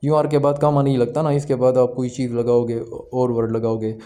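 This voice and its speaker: Mellow-voiced man explaining exam answers. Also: medium pitch, flat delivery. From Pakistan. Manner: explanatory, asks and answers his own questions, reads English items slowly. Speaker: English teacher.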